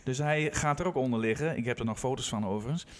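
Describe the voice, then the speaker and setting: A man's voice: mid-range voice, quick pace. A Dutch man from Groningen, co-hosting a casual podcast and telling a story with acted-out quotes. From Groningen, Netherlands. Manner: animated anecdote teller, acts out quotes. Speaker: podcast co-host, physiotherapist. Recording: room with long reverb.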